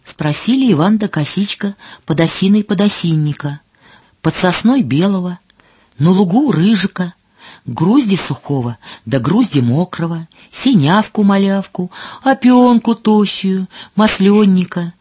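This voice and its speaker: Woman narrator, children's fairy tale, husky low voice, slow expressive storytelling, soft music behind.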